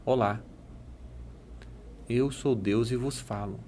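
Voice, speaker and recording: A fatherly, solemn God speaks slowly and gently in a Brazilian Portuguese accent, handing out a mission in a told parable, put on by a man in his own voice. There is faint noise behind him. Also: medium pitch, fairly even intonation, natural voice. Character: God, a calm fatherly male voice from above.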